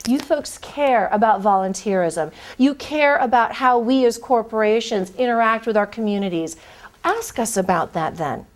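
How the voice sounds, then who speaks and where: A woman's voice: a little high, normal speed. A woman recruiter giving career advice in a conversational, emphatic way, speaking directly to her listeners. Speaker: corporate recruiter.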